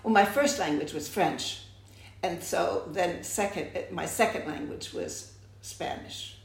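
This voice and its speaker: An older American interviewee tells her story for an oral history in a reflective, halting manner, often restarting phrases. Her deep, gravelly, creaky voice sits slightly low for a woman yet has lively intonation, and it sounds roomy and echoey.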